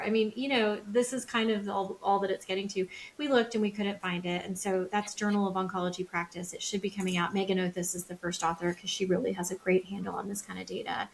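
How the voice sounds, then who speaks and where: A middle-aged woman from the United States co-hosts a casual medical podcast, chatty and quick with playful asides. Her voice sits at an ordinary pitch over a faint hiss. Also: poor audio. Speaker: podcast co-host, melanoma doctor.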